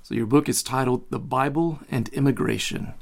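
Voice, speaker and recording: A man hosting a book interview podcast, reading a formal, measured introduction and asking questions. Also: mid-range voice, gravelly. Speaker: podcast host.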